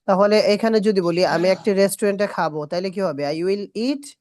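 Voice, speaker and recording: A woman teaching a spoken English class, repeating short English phrases slowly and quizzing her students. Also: medium pitch, darkish tone, no room sound. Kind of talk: classroom lesson.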